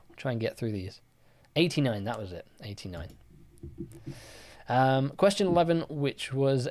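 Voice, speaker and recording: Chatty young man hosting a live quiz. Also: medium pitch. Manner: chatty, relaxed, lots of fillers, reads out and answers chat questions. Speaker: livestream quiz host. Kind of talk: casual live-stream chat, reading viewer comments.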